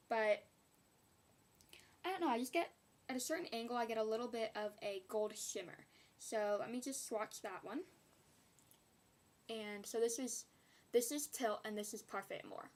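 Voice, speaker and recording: A woman's voice: on the high side, expressive, moderate pace, long pauses. A young woman chatting casually in a beauty haul video, rambling with giggly asides. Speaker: beauty vlogger.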